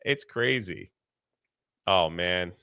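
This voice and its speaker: A man's voice: low-pitched, animated, extremely slow, bright, forceful tone, smooth, no echo. A man hosting a casual history podcast, rambling and laughing often as he chats. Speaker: podcast host and streamer.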